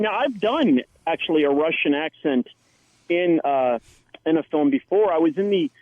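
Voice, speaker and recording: A man who is an actor, chatting as a guest and telling stories with lively quoted lines. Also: high voice, no room sound. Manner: animated storyteller, quotes others. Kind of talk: casual interview chat. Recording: dry tinny phone-like line.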